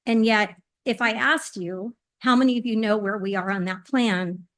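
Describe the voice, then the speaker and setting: Her mid-range voice has a slight brightness as she speaks earnestly and with measure during public comment in a council chamber. She stands at a podium mic and occasionally stumbles into hesitant restarts.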